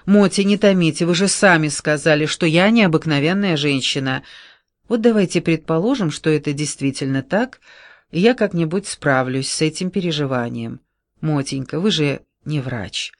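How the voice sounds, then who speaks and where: A man's voice: on the high side, normal speed, dry recording, clean studio sound, lightly acted. A man reading an audiobook, voicing a desperate, tearful young woman in a raised, pleading voice.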